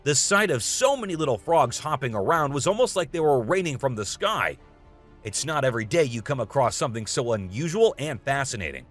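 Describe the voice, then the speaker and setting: A man reading scripted narration in the manner of a nature documentary. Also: mid-range voice. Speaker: narrator of a video compilation. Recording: music behind the voice. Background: music.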